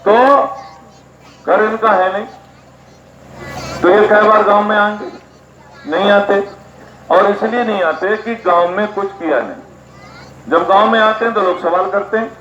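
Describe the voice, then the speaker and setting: A man giving a political speech to a village gathering, repeating figures and questions and rising to indignant shouts. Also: high voice, unhurried, pauses often. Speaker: political party speaker. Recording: echoey, dull PA sound with crowd noise.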